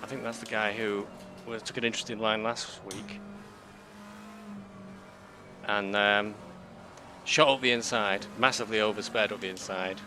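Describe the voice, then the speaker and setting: A man's voice: fairly low pitch, steady tone, measured pace, long pauses. A man giving casual running commentary on his own sim race as he drives. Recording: car engine noise behind.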